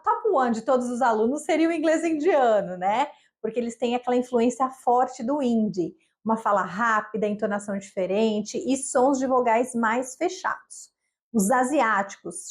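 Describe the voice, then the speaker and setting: A woman's voice: sits high, a little mellow. A woman from Brazil, an English teacher, giving an upbeat, conversational lesson straight to the camera.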